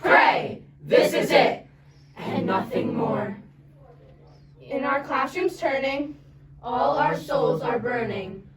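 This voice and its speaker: Young female chorus in unison, high voices, slow measured pace, emphatic choral poetry recitation, loud projection. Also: animated. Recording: echoey, distant mic, loud crowd of voices.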